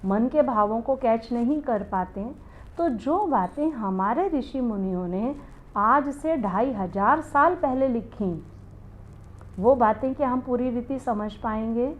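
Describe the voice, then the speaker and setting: A woman's voice: fairly high pitch, takes it slowly, low-quality recording. A woman giving a spiritual meditation lesson, explaining patiently and asking rhetorical questions to her listeners. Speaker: meditation teacher.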